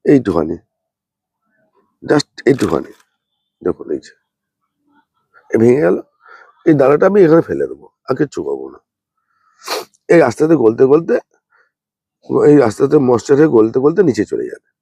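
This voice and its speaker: Gravelly-voiced man, lively pitch. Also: no echo. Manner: speaks slowly and plainly, repeating points. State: unwell. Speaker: rooftop gardening channel host. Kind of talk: hands-on gardening demonstration.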